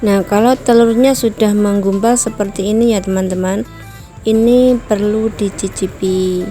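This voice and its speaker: A woman talks slowly and warmly through a cooking demonstration in her home kitchen. Her voice is dark and mellow, and she keeps turning to her viewers as friends. Faint music drifts in from somewhere outside. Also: mid-range voice, steady tone. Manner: chatty, addresses viewers as friends often; apologetic, explanatory asides. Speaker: home cooking channel host. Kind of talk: casual cooking tutorial. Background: distant loud music from a rehearsal.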